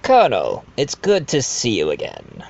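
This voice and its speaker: A man's voice: medium pitch, huge pitch swings, normal speed, vocal fry, a little mellow, dry recording, lo-fi sound, exaggerated voice. A man playing a genteel, blackmailing manor owner who confides in the listener in an amateur audio drama. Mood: hospitable, gossipy. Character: blackmailing manor owner, self-aware, genteel adoptive father.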